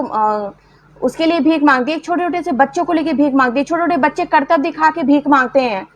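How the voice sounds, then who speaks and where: A woman giving impassioned, indignant political commentary, full of rhetorical questions and sarcastic laughs. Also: high-pitched.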